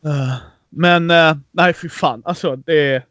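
A man chats casually on a podcast, his voice sitting a little high for a man. He retells a game night with lively, acted-out quotes. The sound is dry and close, with no room around it. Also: no room sound. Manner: animated storytelling, acts out players' lines, laughs a lot. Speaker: podcast host. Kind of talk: casual chat recounting a tabletop game.

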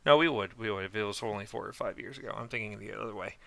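Tired, gravelly man on a podcast. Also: on the low side, racing, a crowd in the background. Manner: thinks aloud, correcting himself mid-thought. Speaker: podcast co-host. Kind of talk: casual podcast chat.

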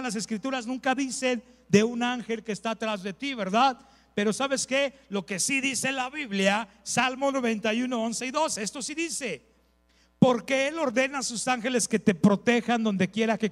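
A man, a pastor preaching a sermon with lively storytelling, repeated phrases and asides to the congregation. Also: high-pitched, in a large hall.

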